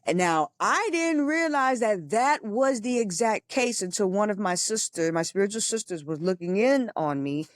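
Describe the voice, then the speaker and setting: A woman's voice: medium pitch, expressive, moderate pace, few pauses, dry recording, studio quality. A woman co-hosting a spiritual podcast, talking frankly and earnestly, with some swearing and frequent laughter. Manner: frank and profane, laughing often; earnest, teaching tone. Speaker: podcast co-host. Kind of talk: casual spiritual talk.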